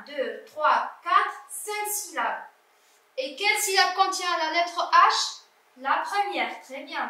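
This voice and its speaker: Correcting exercises in an unhurried classroom lesson, a woman teacher breaks words into syllables for her young students. Her voice is high and bright, recorded from afar in a strongly reverberant room.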